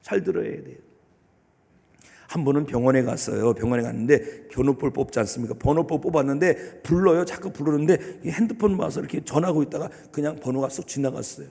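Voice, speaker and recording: A man preaching a sermon as pastor, emphatic and repetitive, swinging between loud declarations and hushed asides. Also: medium pitch, fast talker, gravelly, slightly rough. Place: church sanctuary. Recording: long hall reverb of a church.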